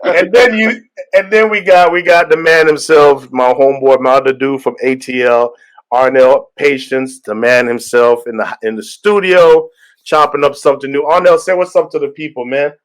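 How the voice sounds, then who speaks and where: A man's voice: fairly high pitch, moderate pace. A man and pastor hosting a casual podcast, greeting listeners with hype and rambling through his points. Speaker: host and pastor.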